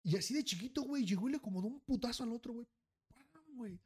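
His pitch is extremely high, his pace very fast, and there's a breathy edge to it. The man, a podcast co-host with a Mexican accent, spins a story in casual chat, swears without restraint, sticks "güey" on nearly every line, and animatedly acts out everyone involved.

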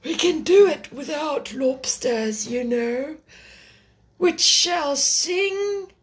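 A woman's voice: high-pitched, expressive, pitched above the performer's own voice, heavily acted. A woman voicing a melancholy male turtle creature in a children's storybook, drawing out the words with wistful emotion. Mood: earnest. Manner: slow, drawn-out, emotional delivery. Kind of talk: children's storybook character reading.

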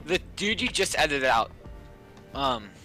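A man's voice: on the high side, big pitch swings, measured pace, pushed and bright, faint music behind. A man co-hosting a casual podcast chat with friends, joking around and telling rambling stories. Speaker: podcast co-host.

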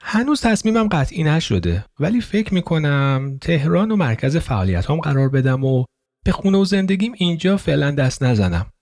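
A man's voice: a little high, very animated, a little mellow, no echo, studio quality, voice pushed up. A man doing a sly, guarded spy. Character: middle-aged male intelligence man, guarded, sly.

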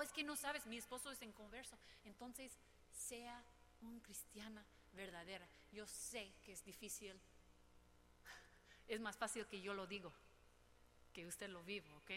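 A woman with a medium-pitched voice preaches a sermon to women in a large hall with a noisy background. She tells personal stories with humor, acting out what people said in quoted voices.

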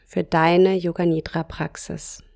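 A woman's fairly low, gentle voice, marked by vocal fry, guides listeners through a yoga nidra meditation. She keeps things calm and very slow, with long pauses separating brief phrases.

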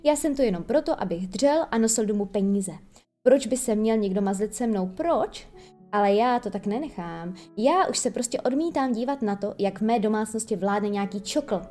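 A woman's voice: mid-range voice, expressive, warm tone, faint music behind, natural voice. A woman voicing a pompous, sulky, self-pitying father in a children's audiobook. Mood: blustering. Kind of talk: audiobook character voice.

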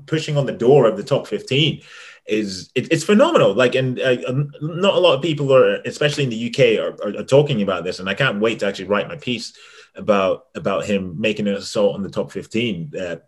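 A young man on a casual podcast, talking about fights in an excitable way and stumbling over repeated words. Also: lowish voice, a little fast, slightly rough. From England. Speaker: MMA journalist and podcast panelist.

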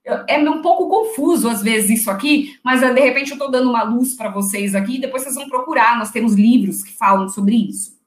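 A woman trainer who talks loudly and teaches office phone manners, acting out short phone exchanges as she goes. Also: fairly high pitch, fairly quick, few pauses, reverberant. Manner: loud, didactic, acts out phone dialogue. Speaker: secretarial trainer. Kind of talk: instructional interview answers.

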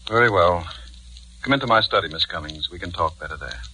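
An actor playing a stern, pompous judge who also narrates, in 1940s radio acting. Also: male voice, low voice, animated, brisk, sharp tone, faint music behind, heavily acted, low-quality recording. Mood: smooth. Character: stern, pompous middle-aged male judge.

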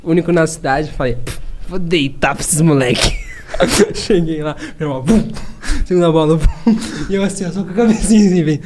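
High-voiced Brazilian guy, easygoing slang. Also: fairly quick, music in the background. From southern Brazil. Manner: laid-back slangy storytelling. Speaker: podcast guest. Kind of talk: casual chat. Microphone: studio podcast mic.

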